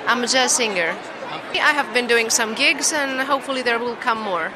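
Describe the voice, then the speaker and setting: A woman from Greece, a jazz singer, giving quick, friendly answers at an event. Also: on the high side, a crowd in the background. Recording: crowded, noisy event hall.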